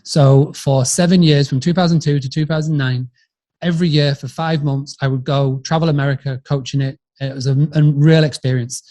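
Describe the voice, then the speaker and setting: As a guest on a podcast, a middle-aged man who founded a business spins rambling, conversational stories. He's from Yorkshire, England, with a northern English accent, and his slightly high voice has a dark, steady tone at a normal speed.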